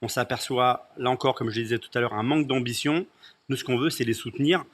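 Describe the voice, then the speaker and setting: A man's voice: mid-range voice, fast. A man who is a candidate on a municipal list talks through his ideas. He speaks in a hesitant way, restarting and repeating words as he goes. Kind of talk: political discussion.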